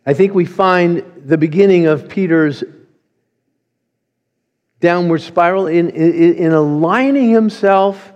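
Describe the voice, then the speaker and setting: A man preaching a sermon, reading scripture slowly and deliberately. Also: high-pitched, big-room sound, lo-fi sound. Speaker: pastor.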